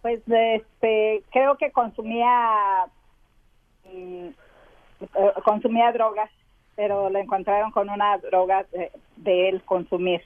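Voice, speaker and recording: A woman phones in to a radio show and picks her way through her question with pauses and restarts. Her voice sits in the middle of the range. It comes through a thin, tinny phone line with no room sound. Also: medium pitch, dry recording. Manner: hesitant, searching for words. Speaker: caller.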